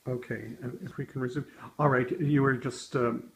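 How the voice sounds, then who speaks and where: A man asking informal interview questions in a halting way, feeling out his phrasing. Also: mid-range voice, steady tone, poor audio.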